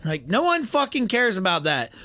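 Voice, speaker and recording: A man in his thirties co-hosts a podcast in loose, joking chat, laughing often and swearing freely. His voice sits high and swings widely in pitch. The sound is dry and close, with no room around it. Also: normal speed, no echo. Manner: laughing, swearing, animated ranking banter. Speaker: podcast co-host. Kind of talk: casual chat.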